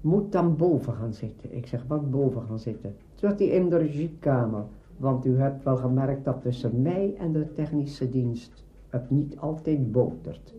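In his eighties, a veteran radio drama actor with a Netherlands Dutch accent is interviewed, spinning juicy, theatrical anecdotes and acting out the dialogue. His mid-range voice is mellow with lively intonation at normal speed, in lo-fi sound.

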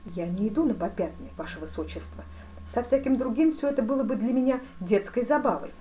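A woman voicing a composed, polite fencing master in an audiobook, speaking quietly and with deference. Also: on the high side, animated, a little fast, voice pushed up, close to an everyday voice, poor audio. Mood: calm. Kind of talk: audiobook character reading.

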